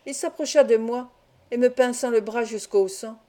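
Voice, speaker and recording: A woman reads a novel aloud in a calm, measured way. Her voice sits a little high and sounds warm and mellow. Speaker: audiobook reader. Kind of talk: audiobook narration.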